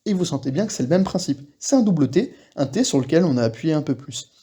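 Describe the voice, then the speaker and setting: Husky-voiced man teaching a casual lesson. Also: a little high, lively intonation, quick pace, warm tone. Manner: explains patiently, acts out short example phrases. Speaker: Korean language teacher.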